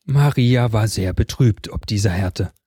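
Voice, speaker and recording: A man reading a fairy tale aloud in a calm, measured storytelling voice. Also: fairly low pitch, breathy edge, no room sound, studio quality.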